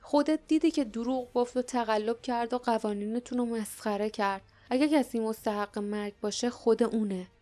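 A woman's voice: a little high, hardly any pauses, mellow, natural voice. A woman voicing a grown male warrior who talks bluntly and impatiently. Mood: urgent.

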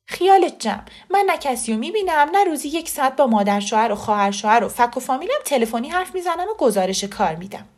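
A woman reader voicing an indignant, sharp-tongued mother who speaks emphatically. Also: high voice, sing-song, few pauses, voice pushed up.

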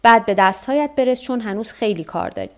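A woman's voice: a little high, lively intonation. Woman voicing a weary old fisherman. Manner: talks to himself, tired and rueful.

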